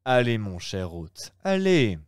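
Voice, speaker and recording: Man reading a cool shrewd young gent, measured, slow and smooth. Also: lowish voice, big pitch swings, no room sound, clean studio sound. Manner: measured, persuasive. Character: worldly young gentleman, calm, shrewd.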